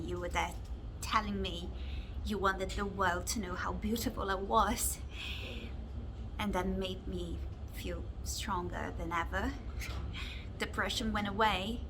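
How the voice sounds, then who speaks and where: A Brazilian woman in her thirties, a radio host, speaking English with a self-taught British-leaning accent and a Portuguese mother tongue. She is recording a heartfelt video message, halting and emotional, with many fillers and restarts. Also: medium pitch. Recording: noisy recording.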